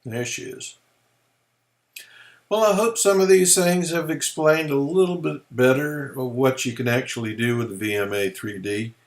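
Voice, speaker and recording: Man calmly walking through software. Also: mid-range voice, measured pace. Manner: relaxed, folksy explaining with fillers. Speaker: software tutorial presenter. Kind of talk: screen-recorded software walkthrough.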